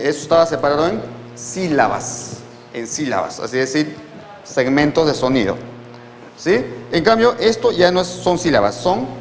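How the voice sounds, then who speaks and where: Male language teacher, slightly high voice, deliberate pace, lecture in a reverberant hall with faint noise. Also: vocal fry. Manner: slow, patient, repeats words and checks with students. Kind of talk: classroom lecture.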